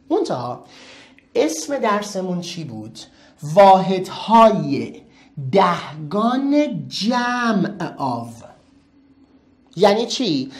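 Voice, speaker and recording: Lively teacher quizzing a class. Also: medium pitch. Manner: lively, quizzing students with quick rhetorical questions; playful, teasing. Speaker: English teacher. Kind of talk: classroom lecture.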